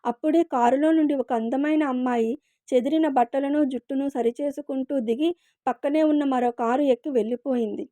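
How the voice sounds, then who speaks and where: A woman narrating a story in a steady, expressive reading voice. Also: high voice, brisk, no room sound.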